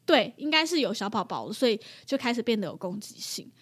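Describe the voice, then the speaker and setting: A young mother tells a story in a casual chat, animated and laughing often. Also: a little high, fast talker, breathy edge. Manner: animated, laughs often, acts out her own reactions.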